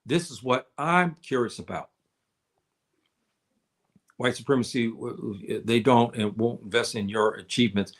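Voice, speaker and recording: Guy rambling on a livestream, stops and restarts a lot, lots of uh's, answers chat as he goes. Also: mid-range voice. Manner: repetitive, halting with many fillers. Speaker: livestream host reading chat. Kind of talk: casual livestream talk. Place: indoors, living on the African continent.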